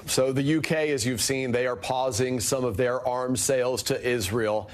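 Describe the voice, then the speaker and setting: A man anchors a news program with a smooth, scripted delivery. His voice sits at a middle pitch. He moves easily between introductions and questions for a guest. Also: fairly even intonation, normal speed.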